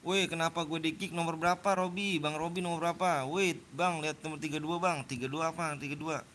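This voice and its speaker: A man's voice: fairly high pitch, fairly even intonation, fairly quick, a bit bright, a little hiss or hum. A man in his twenties with a Jakarta accent, casually chatting on a game livestream, slangy and repetitive, lecturing viewers on manners. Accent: Jakarta Indonesian. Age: 20s. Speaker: livestream host running custom game rooms.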